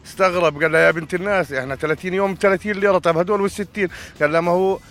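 A man's voice: high voice, fairly even intonation, racing, a bit bright. A man telling a joke, addressing the listener as sir as he goes. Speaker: passer-by telling jokes.

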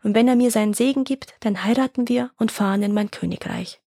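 A woman's voice: fairly high pitch, fairly quick, mellow, dry recording, clean studio sound. A woman voicing an enchanted mouse bride who becomes a gracious young princess in a storybook fairy tale.

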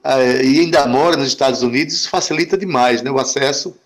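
A man's voice: mid-range voice, fast. A man hosting a talk show interview, asking rambling questions and praising his guest. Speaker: interview host.

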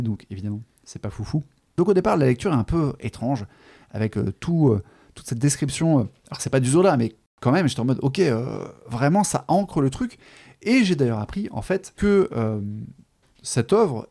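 A man hosting a podcast, chatting casually about a book, pausing often with fillers and restarting his sentences. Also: medium pitch, dark tone. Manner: hesitant, many fillers and restarts, chatty asides. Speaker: podcast host. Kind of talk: casual literary chat.

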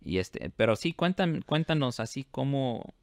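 A man from Fort Worth hosts a relaxed interview in a gravelly, creaky voice, recorded dry and close. He talks haltingly, full of fillers and restarts. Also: medium pitch, no room sound. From Fort Worth, Texas. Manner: hesitant, many "este" fillers and restarts. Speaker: host. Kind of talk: casual interview conversation.

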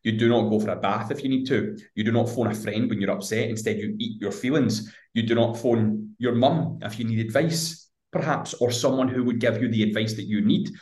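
A man's voice: mid-range voice, fairly quick, few pauses, a little mellow, echoey room. A man hosting a podcast as a coach, talking directly and bluntly and swearing freely. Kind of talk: podcast conversation.

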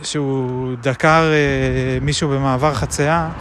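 A man recording a reflective spoken diary outdoors, musing aloud with many pauses and hesitations. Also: medium pitch, fairly even intonation. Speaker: video diarist. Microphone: action camera. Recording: traffic noise outdoors.

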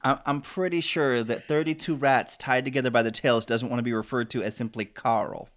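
A man's voice: medium pitch, fairly even intonation, brisk, a bit bright. A man playing in a tabletop role-playing game, chatting casually in a laid-back, playful way. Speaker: player and show host.

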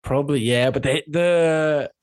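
A man's voice: on the high side, unhurried. A young man with an Australian accent, co-hosting a casual chat and animatedly acting out stories. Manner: animated storyteller, acts out quotes. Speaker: podcast co-host.

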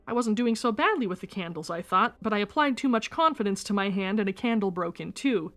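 A woman reading a first-person memoir aloud in a steady, measured storytelling manner. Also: mid-range voice. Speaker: narrator.

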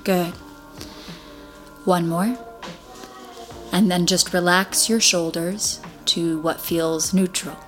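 Low-voiced woman leading a Pilates class. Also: steady tone, slow, pauses often, faint music behind. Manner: encouraging, step-by-step cueing. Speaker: Pilates instructor. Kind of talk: guided exercise class instruction.

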